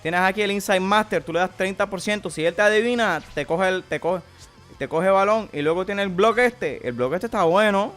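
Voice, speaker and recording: A man's voice: sits high, a little fast, a bit bright, soft background music. A man streamer putting on a playful Cuban Spanish accent as a slangy, crude Miami guy talking through game cards. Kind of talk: casual game commentary.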